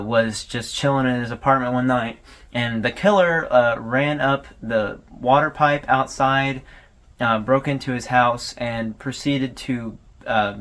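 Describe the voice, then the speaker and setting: This host of a horror series analysis video is a man with a medium-pitched, fairly bright voice. He delivers casual, conversational commentary that includes hesitations and informal asides.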